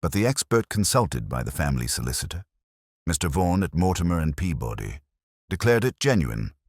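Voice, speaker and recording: A man narrating an audiobook acts out an anxious, uneasy Victorian private secretary whose manner is polite, formal and precise. Speaking briskly, his very low voice swings widely and expressively in pitch, captured in a dry recording without echo.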